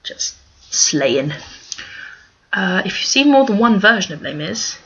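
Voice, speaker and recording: Husky young woman gushing in casual chat. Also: medium pitch, animated, a bit bright. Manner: gushing, emphatic, halting and digressive. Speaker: fan answering a question tag. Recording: dull lo-fi microphone.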